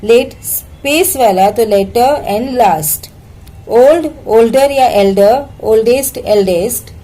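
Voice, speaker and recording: A woman's voice: fairly high pitch, takes it slowly, dark tone, rough recording. A woman with an Indian accent teaching children English grammar, mixing Hindi with English, asking questions and answering them herself, and spelling words out letter by letter. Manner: explains in Hindi mixed with English, asks and answers her own questions.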